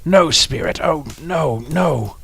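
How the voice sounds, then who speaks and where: A man's voice: on the high side, expressive, slow, creaky, fairly bright tone, husky, voice pushed up, exaggerated voice. Man acting a frightened, pleading old miser, Ebenezer Scrooge. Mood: desperate pleading. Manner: theatrical, formal, imploring.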